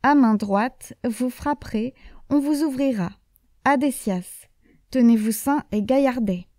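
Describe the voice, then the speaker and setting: A woman's voice: on the high side, a little slow, warm tone, no echo, close to an everyday voice. Woman voicing a genial old gatekeeper saint, reassuring, storybook, dry sound. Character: kindly old male saint, gatekeeper of heaven.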